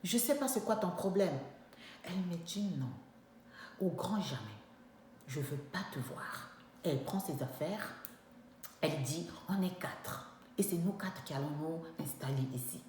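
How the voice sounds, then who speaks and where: A young woman with a low, deep voice tells a story from her own life, emphatic and lively as she acts out each exchange. Her voice rings through a very echoey room, with faint noise in the background. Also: measured pace. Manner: animated, emphatic, acts out dialogue. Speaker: vlogger telling a personal story. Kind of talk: personal storytelling monologue.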